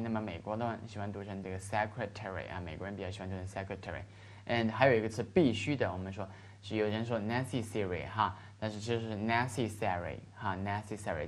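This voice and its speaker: A man teaching English vocabulary in Chinese, stretching out the English examples slowly and checking in with his listeners. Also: on the low side. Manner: explains in Chinese with slow, drawn-out English examples and frequent "是吧" checks. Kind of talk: classroom lesson explaining vocabulary.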